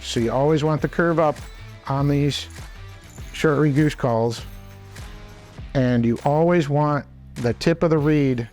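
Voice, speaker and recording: A man's voice: mid-range voice, darkish tone. Man giving a practical hands-on tutorial, music behind. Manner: plain-spoken, practical, step-by-step explaining. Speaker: instructor, hunting call expert. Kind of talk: instructional demonstration, conversational.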